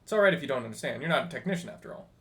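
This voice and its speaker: With a medium-pitched voice, a man performs a ship's technical officer from a game, chatty and teasing, delivering the dialogue animatedly with slight hesitations. The acting is light, and he sounds eager and explanatory.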